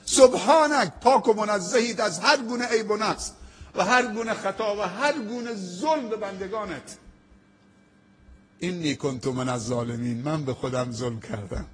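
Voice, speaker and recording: A male preacher telling a religious story in an emphatic sermon, slowing down to quote prayers. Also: high-pitched, lively intonation, slightly rough. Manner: emphatic storytelling preaching with dramatic pauses, quoting prayers slowly.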